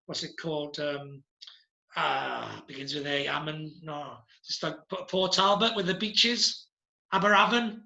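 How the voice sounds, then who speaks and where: A man's voice: on the high side, unhurried, creaky, pushed and bright, lo-fi sound. South Welsh male podcast host, rambling casual chat, roomy sound. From Wales. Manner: rambling, lists places with many fillers.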